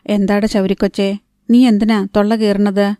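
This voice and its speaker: A woman's voice: medium pitch, flat delivery, moderate pace, warm tone, dry recording, studio quality, close to an everyday voice. A woman voicing an older grandmother in an audiobook, homely and doting, fussing over a small child. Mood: scolding.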